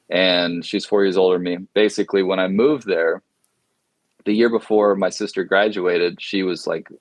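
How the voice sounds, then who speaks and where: In a dry recording, a deep-voiced man in his forties who grew up in Indonesia tells long interview stories as a guest musician. His casual storytelling wanders, with frequent fillers and restarts.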